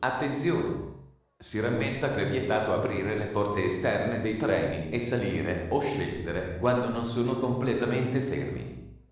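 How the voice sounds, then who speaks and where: A man's lowish voice booms through a station loudspeaker, making formal announcements in measured, clipped official phrasing. He sounds far off, heavily echoing and a little muffled, with faint ambience underneath. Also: a little hiss or hum.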